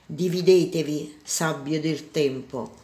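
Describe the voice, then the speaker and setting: A woman's voice: sits low, takes it slowly, dark tone, echoey room. Woman reading Jafar, smug scheming vizier.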